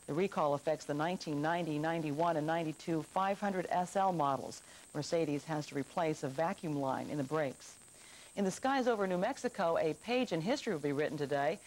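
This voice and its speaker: A woman's voice: low-pitched, rough recording. A woman anchoring television news, reading scripted items and putting questions to a guest.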